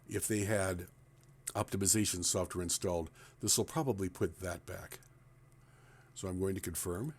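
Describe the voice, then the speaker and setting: A man's voice: deep voice, a little mellow. A man walking through a computer task step by step in a plain, explanatory screen-recording tutorial. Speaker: tech tutorial presenter.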